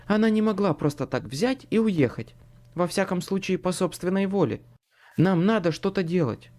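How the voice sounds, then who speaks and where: A man voicing a tired, anxious woman who speaks in a hushed voice and snaps when pushed, in an audiobook. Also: sits high, expressive, moderate pace, voice pushed up. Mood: weary urgent.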